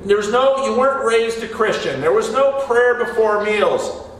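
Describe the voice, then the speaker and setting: A man preaching in a church with a fairly high voice, talking with his congregation like a conversation and stopping to put questions to them. He is picked up from a distance, so the sound rings in a very echoey hall with faint room noise behind him. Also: lively intonation, a little slow, a bit bright. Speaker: pastor. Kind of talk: sermon. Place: church sanctuary.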